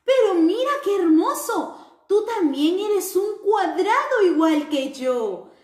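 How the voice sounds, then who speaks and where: A delighted little cartoon square from a children's storybook, voiced by a woman, squealing high and sing-song as it admires every square it meets. The voice swoops up and down slowly, and a roomy echo hangs around it. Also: big pitch swings, a little mellow, heavily acted. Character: cheerful vain cartoon square, friendly and childlike.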